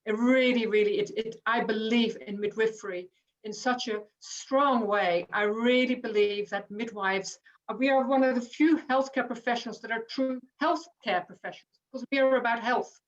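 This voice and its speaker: A woman's voice: fairly high pitch, moderate pace. A woman midwife leader on a panel, answering earnestly with frequent restarts. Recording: distant, dull video call audio.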